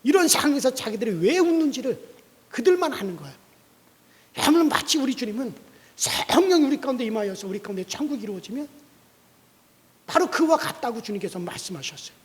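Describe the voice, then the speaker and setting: Animated preaching man in an echoing hall. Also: very high voice, a little fast. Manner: animated preaching, questions to the congregation. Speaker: pastor. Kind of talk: dawn prayer sermon.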